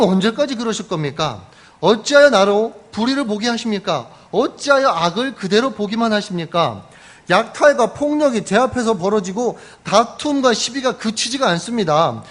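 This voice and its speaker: A man's voice: high voice, fairly bright tone. A man voicing an anguished male prophet who pleads and protests indignantly to God.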